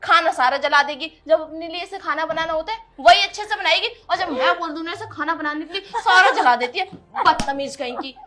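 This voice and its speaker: An actress playing a shrill, cruel bullying wife. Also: female voice, fairly quick, hardly any pauses, bright, forceful tone. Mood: scolding, mocking. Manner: harsh, mocking, threatening. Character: cruel bossy young wife bullying her sister-in-law. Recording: background score music.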